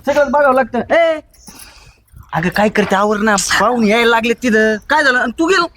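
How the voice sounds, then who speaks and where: An actor playing a bossy elder brother who is busy running a wedding and whose voice keeps jumping up in pitch. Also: male voice, lively intonation, moderate pace, fairly bright tone. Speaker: actor in a village comedy.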